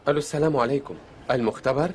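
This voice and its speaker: An actor playing a doctor making an urgent phone call about blood supplies. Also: male voice, medium pitch, very fast, darkish tone, slight background noise, lightly acted. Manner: urgent, curt. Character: hospital doctor, urgent and hurried. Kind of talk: dubbed TV drama acting.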